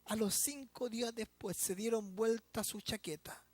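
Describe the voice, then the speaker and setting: A man's voice: sits high, fairly even intonation, normal speed, no echo. A man preaching a sermon as pastor, emphatic and drawn out, often asking the listener rhetorical questions. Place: church.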